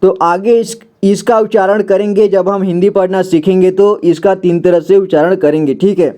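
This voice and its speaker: A man's voice: sits high, fairly even intonation, mellow. A man teaching a beginner's alphabet lesson. He explains each letter and picture patiently and often checks back with the listener. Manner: patient, repeats "theek hai" often, drawn-out sounds. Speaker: Hindi teacher.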